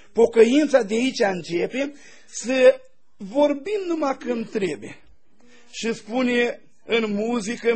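High-voiced pastor telling folksy stories. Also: male voice. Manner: folksy storytelling, animated, laughing asides. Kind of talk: sermon with anecdotes.

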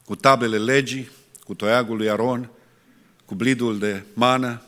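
A man preaching a sermon, asking rhetorical questions and pausing often to restart. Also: mid-range voice, steady tone, a bit bright. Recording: long reverb in a hall.

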